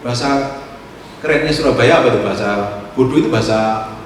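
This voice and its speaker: A man, a pastor preaching a sermon, swinging from loud exhortation to soft asides. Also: medium pitch, fairly quick. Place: church hall. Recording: echoey church hall, distant mic, noisy room.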